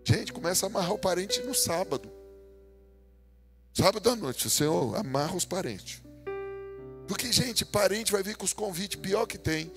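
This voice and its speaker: Man, Brazilian Portuguese accent, preacher, humorous storytelling sermon, animated, loud then soft, faint music underneath. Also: high voice, moderate pace, pauses often. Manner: animated, jokey, acts out dialogue, swings from loud to soft.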